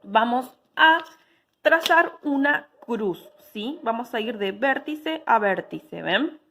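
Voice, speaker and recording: A woman's voice: fairly high pitch, lively intonation, slow, fairly bright tone. A woman, giving a patient step-by-step technical drawing lesson and checking in with her students after each step.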